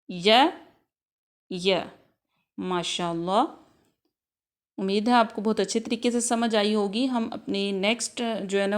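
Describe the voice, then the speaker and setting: A woman with an Urdu accent leads a Quran recitation lesson in a steady, patient teaching voice. She drills each letter sound three times over and slips English words into her explanations. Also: medium pitch. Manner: mixes Urdu with English words like next, practice, examples. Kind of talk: tajweed lesson with repetition drills.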